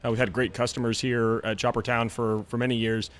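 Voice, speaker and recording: A man's voice: medium pitch, level tone, fairly quick. A man being interviewed on live radio as a company president, earnest and repeating words as he thinks.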